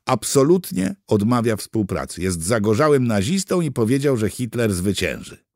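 A flustered, overeager woman interpreter rattles off her garbled translations in a raised, lively voice, performed by a male audiobook reader. It sounds close and dry. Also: lowish voice, dry recording. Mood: flustered eager. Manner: hurried, raised, eager. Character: flustered female interpreter with shaky school German.

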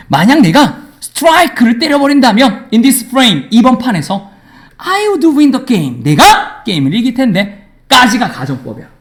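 A man teaching an English grammar lesson in a classroom, lively and teasing with his students. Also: sits high.

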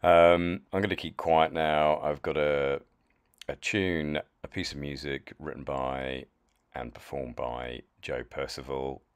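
A man with a British accent talks through his carving work in a relaxed, halting voice-over. His voice sits very low and stays flat, broken up by frequent ums and restarts. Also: smooth. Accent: British English. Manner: hesitant, many ums and restarts. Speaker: chainsaw wood carver. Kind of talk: casual voice-over narration.

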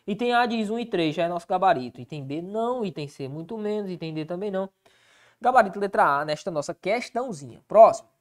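Animated Brazilian woman teaching. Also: mid-range voice. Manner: checks in often with rhetorical questions. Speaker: exam-prep teacher. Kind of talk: recorded exam-prep lesson.

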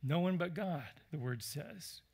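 A man preaching a sermon as pastor, animated and conversational, putting questions to the congregation. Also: fairly high pitch, measured pace, gravelly, slightly rough. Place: church.

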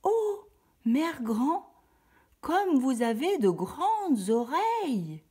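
Woman doing a high little red-hooded girl. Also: animated, darkish tone. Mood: wondering. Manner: high, wide-eyed and slow.

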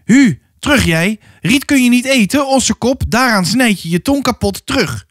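A man voicing a crude young male cattle driver who jeers and shouts in a storybook reading. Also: mid-range voice, big pitch swings, unhurried, no room sound, clean studio sound. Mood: shouting. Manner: jeering, shouting coarsely.

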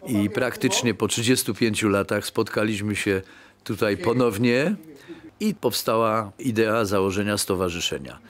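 A man's voice: fairly low pitch, moderate pace, noisy background. A mature man speaking as a sports club member in a documentary interview. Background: music.

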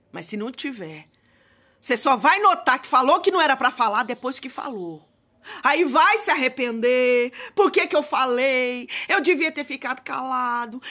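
A woman's voice: fairly high pitch, slightly rough. A woman missionary preaching a fervent sermon, speaking straight to her listeners and calling them sister. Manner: rising to shouted prayer.

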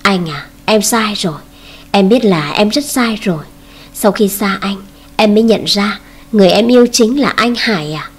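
A woman reading the lines of a spoiled young woman who mocks and then begs, in a husky voice. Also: medium pitch, animated, normal speed. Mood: pleading. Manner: mocking, then whiny and begging. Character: spoiled young woman, scornful, pleading ex-girlfriend.

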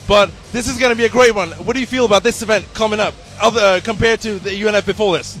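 A young man with a high-pitched voice conducts an interview at an event, a little halting as he goes. Faint music sits in the background. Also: a bit bright. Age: 20s. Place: large event hall by a stage, indoors. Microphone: handheld interview mic.

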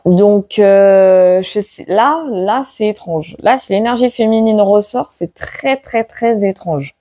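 A woman reading tarot cards aloud to her viewers in a casual chat, tagging her sentences with "hein" and bursting into loud exclamations. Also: mid-range voice, slow pace, no echo. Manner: excitable, exclaims loudly, many "hein" tags. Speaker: tarot card reader. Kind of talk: casual card-reading video.

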